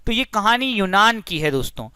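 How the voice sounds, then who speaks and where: A man's voice: sits high, big pitch swings, normal speed, pushed and bright, clean tone, no echo, clean studio sound. A young man teaching a physics lesson through a story, friendly and explanatory, often addressing the listeners as friends.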